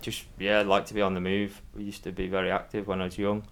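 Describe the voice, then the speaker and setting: A man's voice: sits low, completely flat delivery, quick pace, smooth. A man in his thirties with a mild Isle of Man accent, chatting casually as an interview guest and hesitantly thinking aloud. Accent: fairly neutral Manx. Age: 30s. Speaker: podcast guest, former athlete.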